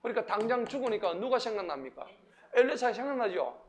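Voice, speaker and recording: A pastor preaching a Wednesday sermon in a church, animated, quizzing the congregation and acting out the Bible figures. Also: male voice, very high voice, fast. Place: church sanctuary.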